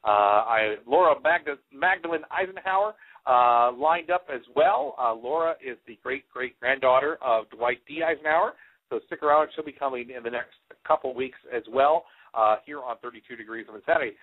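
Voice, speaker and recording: Here a radio host in his forties talks fairly quickly and expressively at a medium pitch. Wearing a headset mic, he loosely rambles through announcements with many pauses, and it sounds like narrow, phone-quality internet radio.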